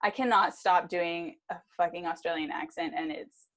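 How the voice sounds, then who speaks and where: Animated joking woman co-host. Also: fairly low pitch, normal speed. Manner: animated, joking, lots of restarts. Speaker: podcast co-host. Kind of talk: casual chat.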